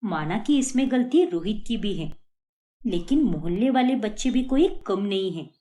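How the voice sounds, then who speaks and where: A woman's voice: mid-range voice, animated, normal speed, dark tone, lightly acted. A woman voicing a stern middle-aged mother in a cartoon, who scolds her daughters sharply and defends her son. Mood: scolding. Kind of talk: cartoon voice acting.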